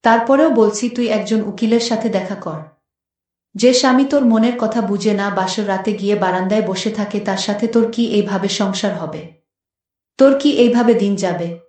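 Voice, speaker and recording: A woman's voice: mid-range voice, moderate pace, a little mellow, natural voice. A chatty, teasing young woman friend gives advice, voiced by a female storyteller. Her talk is casual and playful. The voice rings out in a strongly echoing room. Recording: very echoey room.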